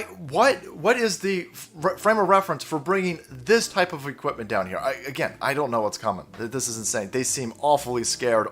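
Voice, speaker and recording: Profane sarcastic man ranting, high voice. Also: a bit bright. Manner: profane, sarcastic, frequent laughs. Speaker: political commentator. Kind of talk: casual rant over images.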